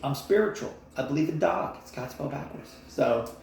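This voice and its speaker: Gravelly man rambling in an echoey space. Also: medium pitch, lively intonation, a little fast, darkish tone, faint music behind. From United States. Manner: rambling, full of fillers and restarts. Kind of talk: casual rambling monologue. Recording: very echoey with faint noise.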